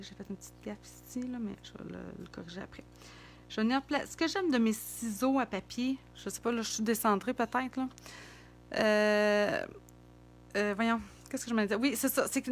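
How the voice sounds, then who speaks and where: A middle-aged woman with a Québécois French accent, chatting casually and thinking aloud as she demonstrates card making. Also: on the high side.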